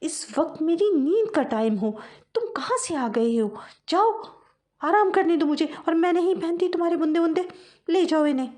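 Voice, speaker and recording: A shrill, squeaky spoiled girl mouse from a cartoon storybook, whining and fussing at full drama. Her voice sits very high and swoops up into piercing squeals. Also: a little slow, a little mellow. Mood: irritable. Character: fussy spoiled young female mouse.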